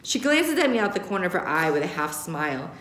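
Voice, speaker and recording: Fast and very animated, with a fairly low but slightly bright voice, an American teacher gives an expressive read-aloud of a young adult novel. The setting is a spacious indoor classroom, captured by a camera a short way off, and there's a little hiss or hum.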